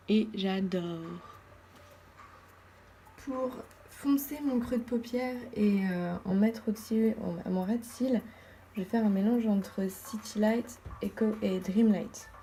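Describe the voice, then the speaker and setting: A woman's voice: fairly high pitch, measured pace, dark tone, a little hiss or hum. A woman giving a casual makeup tutorial as a beauty vlogger, chatty and thinking aloud with lots of fillers.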